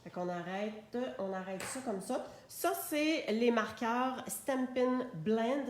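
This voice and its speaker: Her voice is a little high and slow as this Québécois-accented craft demonstrator works through a live stamping and coloring session, narrating each step without hurry. Faint noise and strong room echo are audible throughout.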